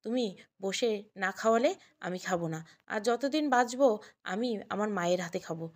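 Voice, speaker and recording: A woman's voice: on the high side, lively intonation, brisk, natural voice. A woman voicing a hot-tempered young husband in an audio story, snapping and raising her voice. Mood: irritable. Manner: snapping, raised voice. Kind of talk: Bengali audio story dialogue.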